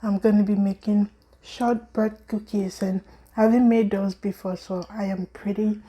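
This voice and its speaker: Chatty woman home cook, mellow voice. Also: medium pitch, little pitch movement, normal speed, slightly rough. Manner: chatty, lots of fillers, addresses viewers as guys; talks with mouth full at times. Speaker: home cooking vlogger. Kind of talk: casual cooking vlog.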